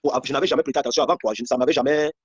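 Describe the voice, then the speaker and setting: A man's voice: mid-range voice, steady tone, rapid-fire, muffled recording, noisy background. A man from Cameroon hosting an online discussion, commenting on photos and repeating himself in indignation.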